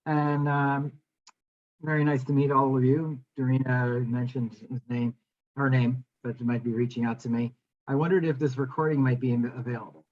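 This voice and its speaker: A man calling in as a property investor, speaking in a polite, halting way. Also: mid-range voice, flat delivery. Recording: dull lo-fi call audio.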